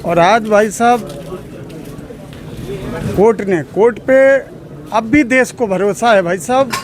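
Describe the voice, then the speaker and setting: Really high-pitched guy getting worked up and emotional on the street, crowd loud all around him. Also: slow. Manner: emotional, addresses the reporter as "bhai sahab" over and over. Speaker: passer-by interviewed on the street. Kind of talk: impassioned street opinion. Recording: loud crowd noise outdoors.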